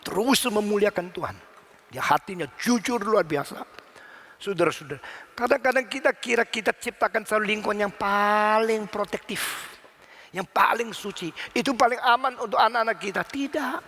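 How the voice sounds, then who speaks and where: A man's voice: high voice, normal speed, bright, forceful tone. An older male pastor preaching a sermon, acting out stories dramatically and mixing in English phrases.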